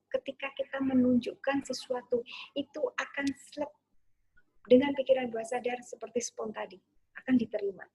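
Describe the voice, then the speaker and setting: A woman parenting coach giving a gentle online talk, sometimes acting out soothing words to a child. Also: high voice, husky.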